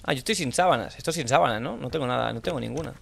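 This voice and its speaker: A young man with a Spanish accent from Spain, playing a horror game and thinking aloud in low mutters, now and then shouting out. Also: very fast, gravelly. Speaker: gaming streamer. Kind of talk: horror let's play commentary.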